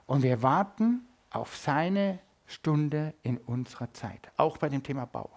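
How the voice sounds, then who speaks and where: At a church service, a middle-aged man from Germany preaches expressively and a little slowly in a fairly high voice. His delivery shifts between loud emphasis and quiet asides.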